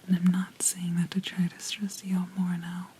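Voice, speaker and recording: A woman whispering a gentle, reassuring ASMR pep talk up close to the microphone, pausing mid-sentence in a soft, breathy unvoiced whisper. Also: lowish voice, monotone, a little hiss or hum. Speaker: ASMR host.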